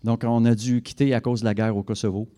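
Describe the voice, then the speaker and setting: A man's voice: mid-range voice, little pitch movement, fast, dark tone. A man interpreting a guest speaker's talk into French for a church congregation, fluent with occasional self-corrections. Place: church service.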